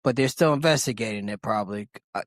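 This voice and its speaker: A man's voice: fairly low pitch, fast talker, no room sound. A man co-hosting a podcast in casual chat. He talks hesitantly, often restarting his sentences, with a wry edge. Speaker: podcast co-host.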